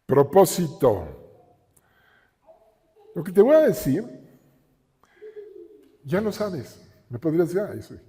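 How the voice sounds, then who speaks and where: A man's voice: high-pitched, very animated, slow pace, long pauses, mellow. A middle-aged man with a Mexican Spanish accent, preaching a sermon with emphatic repetition and rhetorical questions. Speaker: pastor. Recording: reverberant hall.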